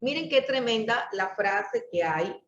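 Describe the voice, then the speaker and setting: A woman teaching a Bible study lesson, slow and emphatic, repeating key words for stress. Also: a little high, animated. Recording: distant, echoey, muffled room recording with faint noise.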